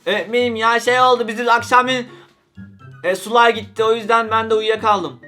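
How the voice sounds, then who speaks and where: A man's voice: extremely high pitch, steady tone, brisk, sharp tone, faint music behind. A young man acting as a whiny schoolboy in a comedy sketch, making excuses and pleading.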